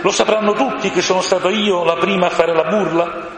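A man voicing a cheeky little female crow who speaks shrill and eager in an audiobook. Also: fairly even intonation, brisk. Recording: reverberant room with faint hiss.

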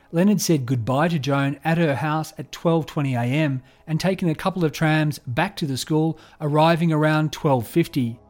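A man narrating a true crime story in a measured, scripted storytelling delivery. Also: on the high side.

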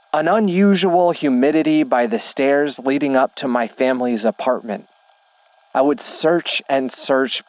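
A man reading a first-person horror story as a scripted narration, in a measured, deliberate way. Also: mid-range voice, darkish tone, dry recording.

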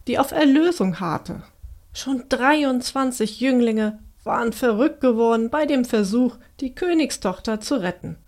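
A woman reads a bedtime fairy tale aloud to children. Her voice sits a little high and she keeps a calm, measured storytelling pace. The reading is steady and unhurried. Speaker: narrator.

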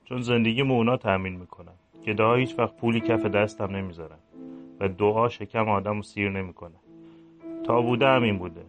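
A man reading aloud the inner confession of a guilt-ridden village priest, in a low, subdued murmur. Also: dull audio, over music, lightly acted. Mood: remorseful.

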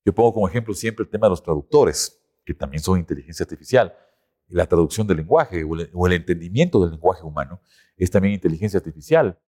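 Man, podcast guest, low voice, animated explainer. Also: quick pace. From Ecuador. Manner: animated explainer, lifts his voice to act out quotes. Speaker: guest expert. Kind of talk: casual podcast conversation.

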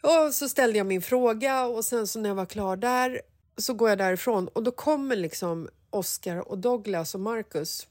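A woman in her forties, a podcast host, telling a personal story in a casual, emotional, animated way. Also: mid-range voice, dry recording, studio quality. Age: 40s.

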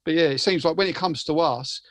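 A man's voice: fairly high pitch, a little fast, dry recording. A British man in casual football chat, explaining his view as a fan on a panel.

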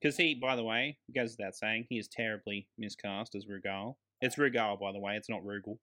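Here the co-host has a lowish, steady voice, brisk and sharp in tone. He's a man casually reviewing films on a podcast, sounding like an exasperated fan who leans on slang and swear words.

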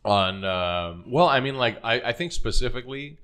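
A man's voice: medium pitch, lively intonation, normal speed, a bit bright, clear, resonant tone. A young man co-hosting a podcast, talking in a rambling, slangy, casual way. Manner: rambling, slangy, with a mock-announcer mukbang bit. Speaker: podcast co-host. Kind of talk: casual chat.

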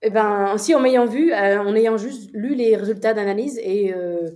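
A woman's voice: medium pitch, moderate pace, mellow. A young woman recounting a personal story in an interview, hesitant, with many fillers and restarts. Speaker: guest.

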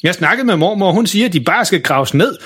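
A man voicing a stubborn, bumbling father who talks eagerly and bursts out loudly. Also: high-pitched, lively intonation, breathy edge, voice pushed up, full character voice. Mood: proud. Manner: eager, loud outbursts, determined. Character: stubborn excitable middle-aged father, bumbling.

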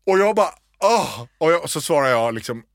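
A man co-hosting a podcast, telling a story in a casual, animated way and acting out the voices he quotes. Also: fairly high pitch. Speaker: podcast co-host.

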